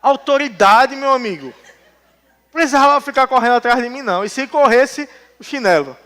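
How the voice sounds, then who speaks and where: High-voiced pastor joking through a sermon. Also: male voice, a little fast, pushed and bright. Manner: joking storytelling, acts out quotes. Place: church hall.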